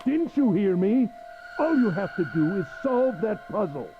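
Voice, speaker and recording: A woman's voice: medium pitch, big pitch swings, measured pace, phone-quality sound, music in the background. A woman voicing a smug, cruel middle-aged man villain in a pompous, mocking way while reading a visual novel aloud.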